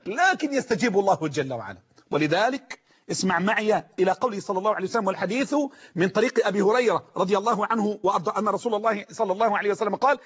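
A man with an Egyptian Arabic accent preaching a sermon, emphatic, repeating phrases and slowly drawing out quoted sayings. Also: high voice, slightly rough. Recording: muffled lo-fi recording.

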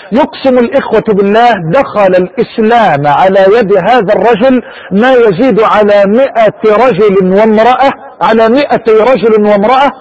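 A man's voice: sits high, darkish tone, husky, lo-fi sound. A man preaching a sermon with impassioned delivery and rhetorical questions.

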